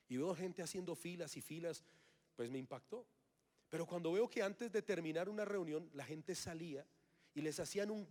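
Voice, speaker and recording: A man's voice: fairly high pitch, darkish tone. A man, giving a sermon testimony and acting out his own past reactions as he tells the story. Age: 30s. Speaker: preacher.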